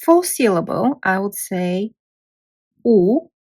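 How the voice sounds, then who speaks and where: A woman's voice: medium pitch, very animated, slow, mellow. A woman teaching a language lesson, sounding out letters and syllables one at a time. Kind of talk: slow, careful language lesson.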